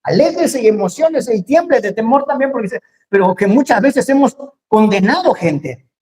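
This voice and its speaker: A woman preaching a sermon in a lively, joking way, acting out the voices she quotes. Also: on the high side, normal speed.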